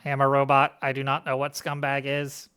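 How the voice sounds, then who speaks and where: A man's voice: medium pitch, brisk, clean tone, natural voice. A man running a tabletop game puts on a joking robot voice, bleeping and talking like a literal-minded machine. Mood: mock robotic. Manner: bleepy deadpan robot talk, a bit louder. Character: monotone male robot, mock-literal. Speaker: game master.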